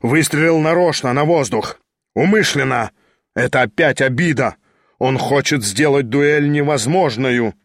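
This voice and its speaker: A man's voice: medium pitch, measured pace, no room sound, studio quality. A man voicing an enraged nobleman at a duel, screaming and frantic. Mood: raging. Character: enraged male nobleman dueling, shrieking.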